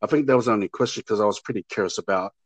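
Male actor, halting delivery, dry close sound. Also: fairly low pitch, breathy edge, dry recording. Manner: halting, often repeats words. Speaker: actor, interview guest. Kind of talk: casual interview chat.

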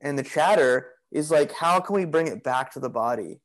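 Speaking on the high side at a normal speed, this bodywork practitioner of Greek heritage is a guest in a casual podcast interview, and the recording is rough. His manner is easygoing and rambling, peppered with "you know" and "like."

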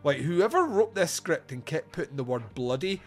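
A man's voice: a little high, lively intonation, moderate pace, soft background music. A man hosting a film podcast, chatting casually in a rambling, enthusiastic, sweary way. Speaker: podcast host.

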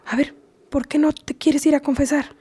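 A woman's voice: high voice, fairly even intonation, moderate pace, dark tone, natural voice. A woman playing a scolding but loving mother with a Mexican accent, lecturing her daughter in a comedy sketch. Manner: scolding, lecturing, half-whispered.

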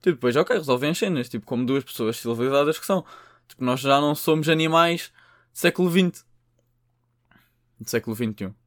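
A man's voice: medium pitch, lively intonation, brisk, pauses often, no room sound, studio quality. A young man with a European Portuguese accent, rambling through a casual podcast monologue, full of slang, swearing and filler words. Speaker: podcast host.

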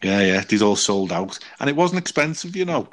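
A man chatting casually, telling an animated travel story and acting out the people in it. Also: on the low side, fairly quick. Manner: animated storytelling with quoted voices, swears. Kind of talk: casual chat.

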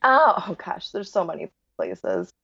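A woman in her thirties, a wedding photographer talking as a podcast guest, bubbly and quick to laugh, with lots of "like". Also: lowish voice, wildly swooping pitch, creaky, sharp tone, breathy edge, dry recording, highs cut off. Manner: bubbly, laughs often, says "like" a lot. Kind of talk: casual interview chat.

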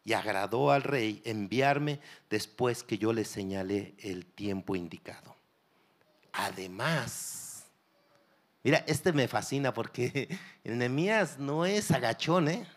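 Male pastor, middle-aged, mid-pitched voice, emphatic exhorting sermon delivery. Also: animated, slow. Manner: emphatic preaching, exhorting listeners directly.

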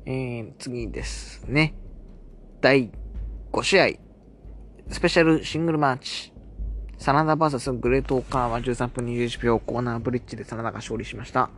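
A man's voice: mid-range voice, steady tone, normal speed, slight background noise. A man hosting a casual solo talk show, recounting events in a chatty way and sometimes mimicking what others said. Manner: chatty, recaps promos in a lightly mimicking tone. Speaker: podcast host reviewing wrestling shows.

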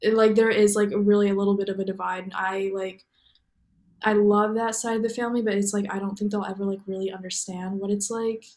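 The guest, a young American woman, talks a bit quickly in a flat, medium-pitched voice with a darkish tone. She meanders through the casual interview, leaning heavily on "like" and dropping in "you know."

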